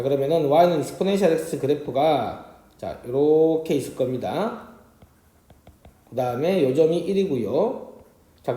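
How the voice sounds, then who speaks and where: A man teaches an exam math problem in a slightly high, lively voice that rises and falls a lot. He draws at the board as he talks and keeps checking in with his students through quick tag questions. The sound is roomy, with a noticeable echo from the classroom. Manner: talks while drawing graphs on a board. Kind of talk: exam problem walkthrough lecture.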